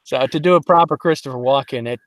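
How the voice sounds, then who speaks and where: A voiceover actor guesting on a podcast, chatting casually and playfully, now and then dropping into character accents. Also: male voice, mid-range voice, fast talker, fairly bright tone, no echo, clean studio sound. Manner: playful, slips into character accents mid-story.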